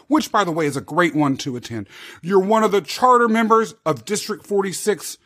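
A man hosting a podcast interview, asking upbeat, animated questions. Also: high voice. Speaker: podcast host.

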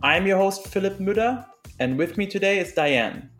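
Male podcast host, halting with fillers. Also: high voice, lively intonation, a bit bright, faint music behind. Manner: hesitant, many fillers. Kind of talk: podcast interview.

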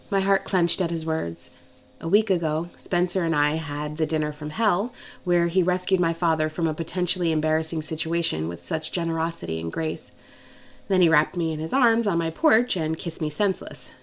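A woman with a slightly low voice reads a romance novel in the first person. Her delivery is intimate and emotional, and she tells the story closely and warmly. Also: fairly even intonation, moderate pace. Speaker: audiobook narrator.

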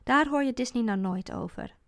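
A woman reading a first-person story aloud, expressive with a deadpan sense of humour. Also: a little high, moderate pace.

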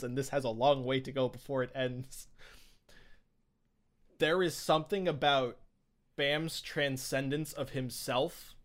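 A man co-hosting a casual chat, animated and quick to laugh, acting out lines as he explains. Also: medium pitch. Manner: animated, laughs often, acts out quotes. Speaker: podcast co-host.

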